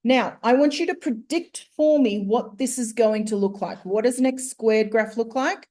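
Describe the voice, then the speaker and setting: A woman with a fairly high, dark-toned voice teaches a maths class, slowly working through a problem step by step. Along the way she keeps questioning her students.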